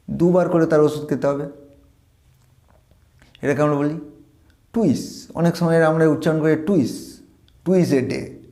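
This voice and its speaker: Man teaching pronunciation, mellow. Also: on the high side. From Bengal. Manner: explains patiently, repeats words slowly and carefully. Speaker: English pronunciation tutor. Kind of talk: teaching lesson.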